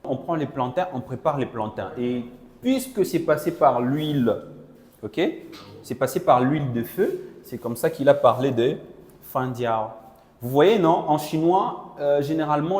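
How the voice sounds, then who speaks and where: A man's voice: a little high, expressive, moderate pace, a little mellow. A man interpreting a Chinese lesson into French for a class, explaining patiently and checking that students follow. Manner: explanatory, checks understanding with "non?" and "voilà". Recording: echoey classroom with long reverb.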